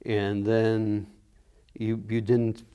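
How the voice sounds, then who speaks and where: Low-voiced male interviewer. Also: completely flat delivery, extremely slow, mellow, smooth. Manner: attentive, brief prompts and musings. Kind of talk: conversational oral history interview.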